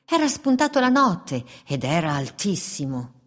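A woman reading a children's story aloud in a playful, expressive way, with repeated refrains. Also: on the low side, unhurried.

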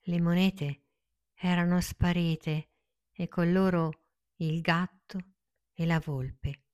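A woman narrating a children's fairy tale in a slow, gentle storytelling manner. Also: fairly low pitch, steady tone, clean tone.

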